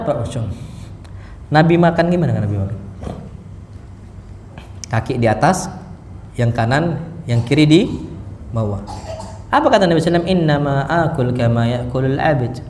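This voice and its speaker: A man giving a lively mosque lecture to a seated audience, acting out sounds and stories as he preaches. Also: a little high. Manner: lively, animated, acts out sounds and punchlines. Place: mosque hall. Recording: echoey mosque hall, faint noise.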